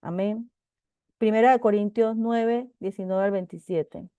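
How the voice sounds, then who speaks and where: A middle-aged woman teaching a Bible class, talking in an animated, chatty way with many asides and restarts. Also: mid-range voice, a little slow, clean tone, highs cut off. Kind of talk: casual testimony in a Bible class.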